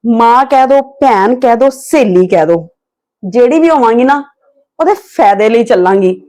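A woman's voice: a little high, expressive, moderate pace, mellow, close to an everyday voice. A young woman, playing a sensible wife who firmly lectures her husband about his sister. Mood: lecturing.

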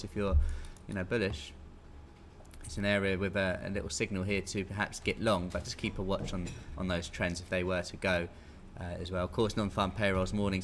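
A British man in his thirties, working as a technical analyst, gives a live market briefing in a casual, conversational way. His voice is low yet slightly bright, and there is clear background noise in the recording.

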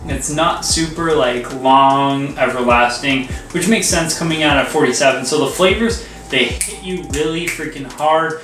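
A man in his twenties, one of the co-hosts of a whiskey review, keeps up casual, emphatic bro banter in a fairly high, fairly bright voice at a measured pace. Soft background music plays, and the small home-bar room gives an echoey sound through a slightly distant mic.

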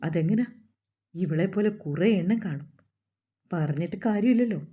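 A woman's voice: fairly low pitch, animated, moderate pace, dark tone, breathy edge. Woman voicing an angry scolding father. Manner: harsh scolding. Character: angry middle-aged father disowning his daughter. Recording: dull lo-fi recording.

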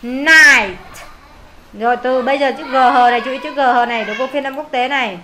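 A woman teacher with a Vietnamese accent, running an English pronunciation lesson and repeating words slowly for pupils to echo. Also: high-pitched, noisy background.

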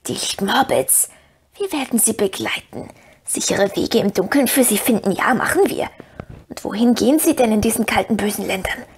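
A woman's voice: on the high side, lively intonation, moderate pace, husky, exaggerated voice. A woman voicing a pitiful, sly creature in an audiobook, with a hissing, whispery, wheedling whine. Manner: wheedling, self-pitying, talks to "precious". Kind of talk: audiobook reading.

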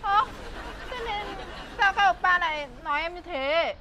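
A woman's voice: very high-pitched, a little slow, crowd noise, background noise. An actress playing a cutesy, manipulative young woman who whines in baby talk. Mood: coy whiny. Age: young adult. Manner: baby-talk pleading, whiny then haughty. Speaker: actress in comedy sketch.

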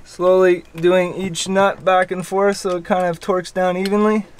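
A man's voice: high voice, level tone, normal speed, poor audio. A man casually narrating how he rebuilds a boat engine, chatty and self-deprecating, working in a cramped engine bay below deck.

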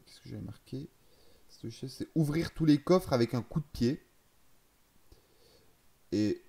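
A gaming video creator with a fairly low, dark-toned voice talks casually through a game's settings. He thinks out loud, hesitating and correcting himself along the way.

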